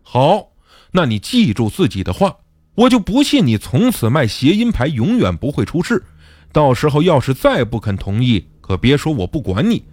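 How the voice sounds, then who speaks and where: A man's voice: medium pitch, wildly swooping pitch, moderate pace, a little mellow, no echo. A man voicing a sly, sarcastic male amulet dealer with needling, jealous teasing in an audiobook. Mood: warning.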